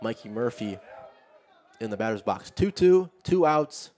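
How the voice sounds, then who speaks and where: A man giving live baseball play-by-play, narrating each pitch conversationally as it happens. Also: big pitch swings, unhurried, a little mellow. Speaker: play-by-play commentator.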